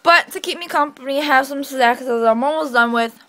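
A woman's voice: sits high, brisk, bright, forceful tone. A teenage girl chatting casually in a daily vlog, rambling with lots of filler words. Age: teens. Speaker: vlogger.

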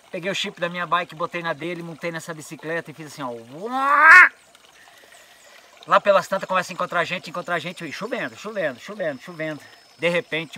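A Brazilian man tells a story in a casual vlog recorded outdoors on a trail. His voice sits a little high and sounds bright and tense, and he mimics the people in his story. A faint trickle of water runs behind him. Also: slight background noise. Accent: Brazilian Portuguese. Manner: lively storyteller who acts out what people said. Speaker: mountain biker vlogger.

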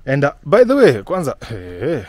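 This casual walking vlog features a man with a Kenyan accent guiding viewers on house hunting as he films a residential street on his phone. Medium-pitched and moving at a moderate pace, he blends Swahili with English and laughs a lot, on a dry recording.

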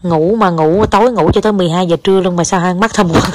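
A woman's voice: fairly low pitch, a little fast, darkish tone, no room sound, clean studio sound. A young Southern Vietnamese woman chatting at home in a casual family vlog, coaxing her child and talking to viewers, slipping English words in. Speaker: mother vlogging with her child. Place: home, indoors.

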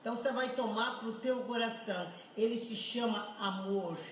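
A woman in her seventies from Brazil with a Brazilian Portuguese accent, giving an emotional church testimony in a lively, humorous storytelling manner. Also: fairly high pitch, moderate pace. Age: 70s. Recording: echoey hall, distant mic, noisy.

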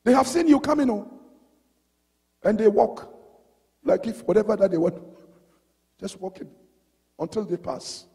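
A male pastor preaches with emphatic repetition, stretching out words as he reads scripture. His voice sits very high and sounds gravelly and husky. It rings with the long reverb of a big hall. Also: lively intonation, unhurried, long pauses, dark tone. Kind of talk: energetic sermon with scripture reading.

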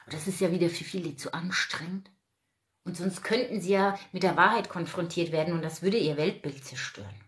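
A woman's voice: fairly low pitch, brisk, background noise. A woman in her forties hosting a casual livestream, outspoken and ranting while reading out viewer comments. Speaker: livestream host.

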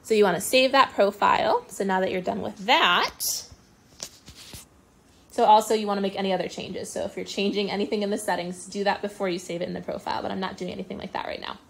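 A woman speech-language pathologist walks through a software tutorial one step at a time. Her voice sits in a middle pitch, and she talks casually, filling the pauses with ums. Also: steady tone, creaky. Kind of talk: screen-recorded software tutorial.

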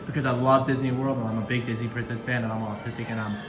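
A young adult man chatting casually as an excited fan, eager and earnest, in halting bursts. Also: mid-range voice. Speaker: fan visiting theme park characters. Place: busy theme park greeting area. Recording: echoey, loud crowd and music.

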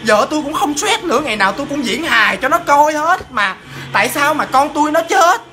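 A woman doing a high, indignant grieving father. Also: sing-song, brisk, over music. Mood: indignant, pleading. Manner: high, pleading, insistent.

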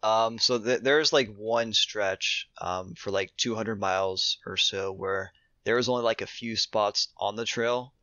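A man's voice: fairly low pitch, measured pace, sharp tone, dry recording. A young man, a podcast guest, chatting casually about hiking with many fillers and restarts. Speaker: podcast guest, thru-hiker. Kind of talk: casual interview chat. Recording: dull lo-fi remote audio.

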